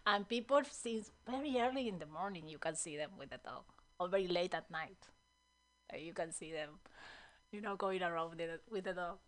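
A woman with an Argentine accent, a native Spanish speaker, chatting casually as a radio guest with enthusiastic, halting phrasing. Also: on the low side. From Buenos Aires, Argentina. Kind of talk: casual chat. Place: radio studio booth.

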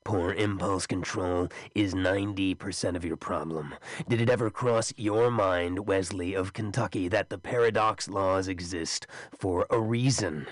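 A man voicing a menacing inhuman creature in a yellow coat, with a buzzing voice and slow, cold, measured speech. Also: low-pitched, no room sound. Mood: cold menace.

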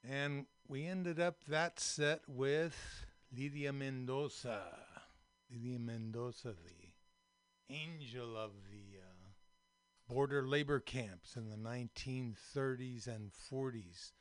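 A man in his seventies from San Francisco hosting a community radio talk show, slow and thoughtful with many fillers, in a radio studio. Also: medium pitch, clear, resonant tone, no room sound. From San Francisco, USA. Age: 70s. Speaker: radio host.

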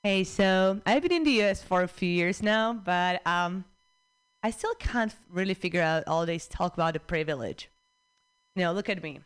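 Deadpan Czech-accented woman comic, low-voiced. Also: normal speed, clean tone. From Czech Republic. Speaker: stand-up comedian. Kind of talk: stand-up set. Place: comedy club stage.

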